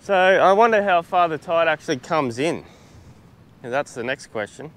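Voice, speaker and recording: This Australian man vlogs from a beach, relaxed and chatty, stumbling through fillers and restarts. His voice is fairly high and fairly bright, animated, at a normal speed, picked up outdoors by a small mic mounted on his camera.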